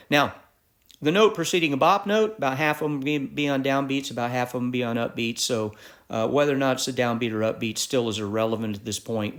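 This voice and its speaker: A middle-aged man teaching jazz articulation, explaining step by step in a methodical way with frequent restarts. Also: on the high side. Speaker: music teacher. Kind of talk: instructional lesson.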